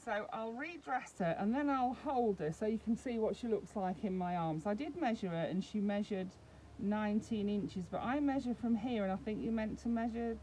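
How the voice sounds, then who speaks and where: A woman's voice: medium pitch, normal speed, dark tone, slight background noise, low-quality recording. Chatty woman demonstrating a doll. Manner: chatty, explains step by step while handling the doll. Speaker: doll collector vlogger. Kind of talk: casual unboxing demonstration.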